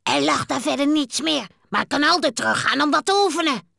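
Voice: high-pitched, fairly quick, gravelly, bright, forceful tone, no room sound, clean studio sound, heavily acted. A performer voicing a small dragonfly sidekick in a video game, cheeky, boastful and complaining but loyal, buzzing between lines. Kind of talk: animated video game voice acting.

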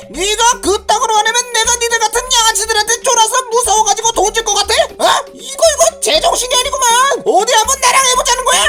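A woman voicing a hot-tempered bald middle-aged man who shouts and scolds in an animated story. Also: very high voice. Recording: background music under voice.

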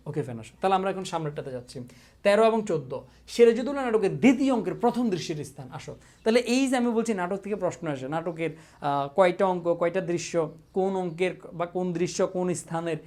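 Teasing coaching teacher. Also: male voice, sits high, darkish tone. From Bangladesh. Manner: teasing, repeats questions, mock threats, drills students. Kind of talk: casual exam-prep class.

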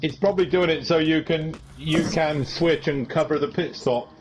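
A man's voice: on the high side, normal speed, background noise. A man casually chatting and thinking aloud about race strategy with his sim racing teammates. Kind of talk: casual chat over team voice chat.

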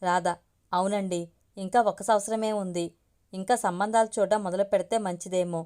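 A woman's voice: mid-range voice, fairly even intonation, brisk, darkish tone, clean tone, close to an everyday voice. A woman voicing a stern, practical middle-aged mother in a narrated family story.

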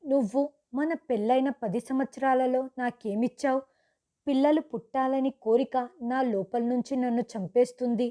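A woman's voice: high-pitched, mellow, natural voice. A woman voicing a bitter middle-aged husband who speaks bluntly and reproachfully in a read-aloud story. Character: bitter husband, a man in middle age, set on divorce.

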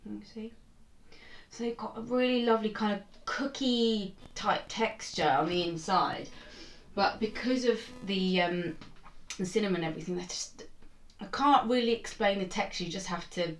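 A woman's voice: medium pitch, normal speed. A woman hosting a casual home cooking demonstration, chatty and hesitant with lots of filler words. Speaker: cooking channel host. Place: home kitchen. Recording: echoey kitchen, mic far off.

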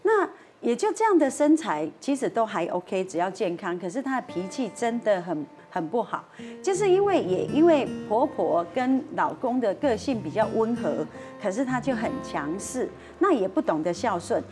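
Animated Taiwanese woman telling a story. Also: fairly high pitch, normal speed, soft background music. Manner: acts out quoted voices, mixing in Taiwanese Hokkien phrases. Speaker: storyteller guest on a talk show.

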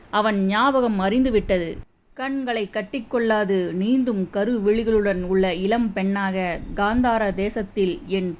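Woman, audiobook narrator, first-person literary reading, solemn, very slow, muffled audio. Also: mid-range voice, darkish tone. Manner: solemn, reflective, unhurried reading. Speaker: audiobook reader. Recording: dull audio, faint background noise.

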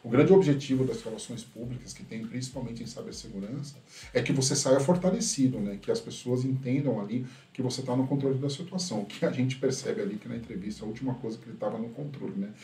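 Man, critical casual commentary, mellow dark voice, roomy echo. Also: medium pitch, quick pace, slight background noise. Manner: critical, tags sentences with a questioning "right?". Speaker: host, tech commentator. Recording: roomy echo from a distant mic.

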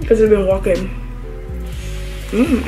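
A woman's voice: mid-range voice, slow. A young woman vlogger in casual food-review chat, talking while chewing, frank about what she eats. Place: busy night market outdoors. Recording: loud crowd and music behind. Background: loud crowd and music.

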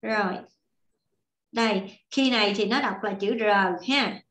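A woman's voice: on the high side, a little slow, a bit bright, reverberant. A woman teaching an online Korean class, explaining patiently and repeating examples as she writes. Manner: patient, repeats and demonstrates while writing.

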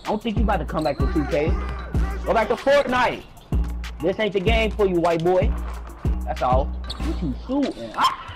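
A man's voice: high voice, expressive, normal speed, pauses often. A man in a voice chat during a basketball video game, boasting and swearing with sing-song jabs. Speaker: gamer on voice chat. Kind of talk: trash-talking gameplay chatter. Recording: game music behind the voice.

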